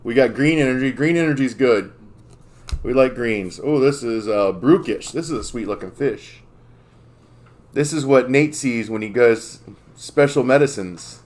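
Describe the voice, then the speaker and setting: A man's voice: medium pitch, a little slow, darkish tone. A man opening trading card packs on a live stream, in casual chat, playfully confused and stumbling over the names.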